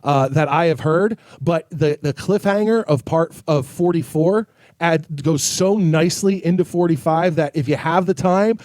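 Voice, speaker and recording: A man with a somewhat high voice recommends episodes on a podcast, filling pauses with "uh". The sound is dry and close. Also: a little mellow, no echo. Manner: recommending, hesitant fillers. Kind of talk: casual podcast chat.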